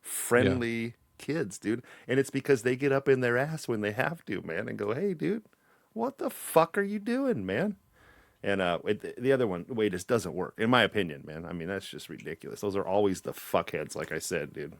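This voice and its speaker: A man's voice: fairly low pitch, a little fast, creaky, hardly any pauses, no room sound, studio quality. A man from Central California hosting a podcast, telling rambling stories in casual chat full of swearing. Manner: rambling storytelling, swears a lot. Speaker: podcast host.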